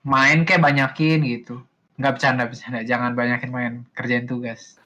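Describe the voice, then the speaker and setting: A man's voice: mid-range voice, moderate pace, slight background noise, poor audio. A university student in his twenties chatting casually and jokingly on an online voice call. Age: 20s. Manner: relaxed and joking. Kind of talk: casual chat.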